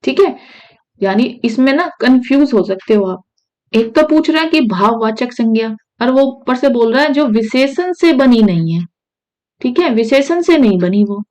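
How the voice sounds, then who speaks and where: A woman's voice: a little high, lively intonation, normal speed, darkish tone, low-quality recording. A woman teaching Hindi grammar for exam prep, checking in with her students as she explains. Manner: repeats "ठीक है" often, asks students questions.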